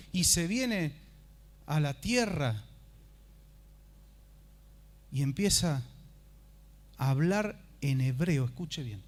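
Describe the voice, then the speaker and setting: A male pastor preaching a sermon at a church service, telling the story dramatically and swinging from hushed to loud. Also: sits high.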